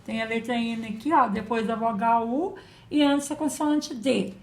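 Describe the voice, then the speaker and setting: A woman's voice: a little high, fairly even intonation, normal speed. A woman teacher giving a patient children's lesson, spelling out letters and sounds. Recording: echoey room.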